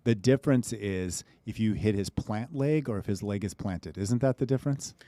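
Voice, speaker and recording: A man's voice: on the low side, moderate pace, dark tone, no room sound. A man co-hosting a casual football podcast, asking leading questions with jokey asides. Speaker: podcast co-host. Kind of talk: casual chat about football.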